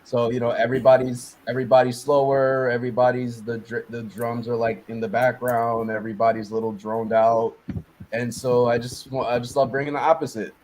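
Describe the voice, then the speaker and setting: A music producer from New York, talking in a relaxed interview. He has a mid-pitched voice and rambles along, circling back with fillers and restarts. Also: fairly quick, low-quality recording. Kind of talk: casual interview chat.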